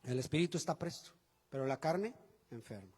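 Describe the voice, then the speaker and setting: A man preaching a sermon as pastor, animated and folksy, acting out quotes with chatty asides to the congregation. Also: fairly high pitch, fairly quick, slightly rough. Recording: long hall reverb.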